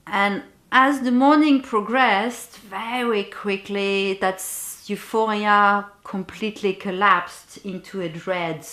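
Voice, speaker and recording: Woman, personal storytelling, very slow pace, reflective, pauses to find words, echoey room. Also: mid-range voice, steady tone, a bit bright. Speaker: bereavement guide. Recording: roomy echo.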